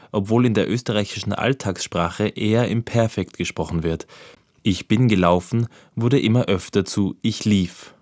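A man narrating a radio feature from a script in a measured, informative way. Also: on the low side, darkish tone, no room sound, clean studio sound.

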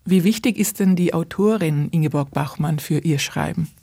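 Composed woman interviewer, lowish voice. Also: moderate pace, warm tone, dry recording. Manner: clear, composed questions. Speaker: radio interviewer. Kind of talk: formal broadcast interview.

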